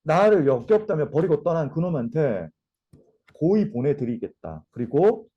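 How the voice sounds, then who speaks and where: Animated, husky-voiced literature teacher. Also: mid-range voice, moderate pace, dull audio. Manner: playful, dramatic, repeats key terms. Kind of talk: classroom lecture with comic role-play. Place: academy classroom.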